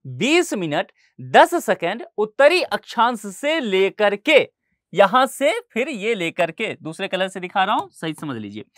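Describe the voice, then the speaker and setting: A man's voice: high voice, a bit bright, no room sound, studio quality. A male teacher giving an exam-prep lecture over a map, explaining step by step and often checking that students follow.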